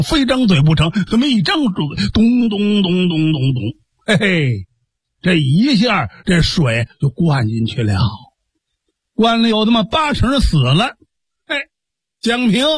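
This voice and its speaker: Man, traditional storyteller, animated, high pitch, very lively, husky. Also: no echo, studio quality. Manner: animated, chuckling, sound effects.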